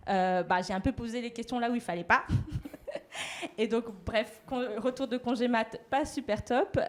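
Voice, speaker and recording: A woman's voice: medium pitch, a little mellow. A woman speaking live at a panel, holding the mic and telling her own path, hesitant with many fillers. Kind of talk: live talk to an audience.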